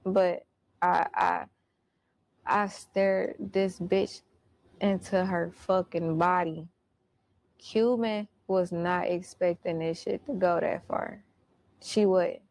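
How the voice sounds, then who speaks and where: A woman's voice: mid-range voice, darkish tone, dry recording. A woman telling a personal story in casual, blunt, profane street slang. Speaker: storyteller recounting her experience.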